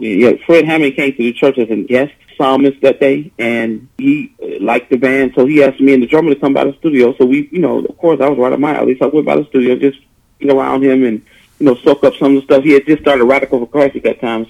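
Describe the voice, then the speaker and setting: A man in his forties from Detroit, a gospel musician talking in a casual interview, animated and preachy, full of rhetorical questions. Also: mid-range voice, gravelly. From Detroit, USA. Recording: muffled lo-fi audio.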